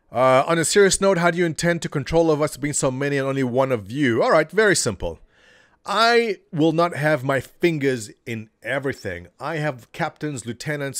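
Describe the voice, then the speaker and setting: A man in his thirties with a voice on the high side runs a casual webcam Q&A as a gaming community leader, reading questions aloud in an animated, jokey manner. He's in a gaming chair in his home office, and the desk condenser mic before him gives a dry, clean studio recording.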